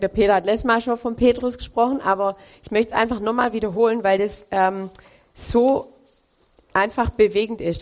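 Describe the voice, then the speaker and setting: A woman preacher giving a casual, informal sermon, talking in slangy phrases with many fillers. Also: medium pitch.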